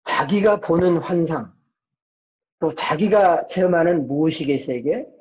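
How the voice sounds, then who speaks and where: Slightly high and warm, this man's voice carries an informal psychology lecture. Again and again he raises a question and answers it on his own, heard through a dull, muffled lo-fi recording.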